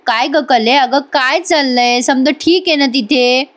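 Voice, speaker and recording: A woman's voice: sits high, measured pace. Woman voicing a fussing worried mother. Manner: fussing, anxious questions.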